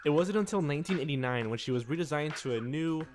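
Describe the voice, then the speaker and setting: A man giving scripted list-video narration in a steady, wry way. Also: on the high side, fast talker, a little hiss or hum.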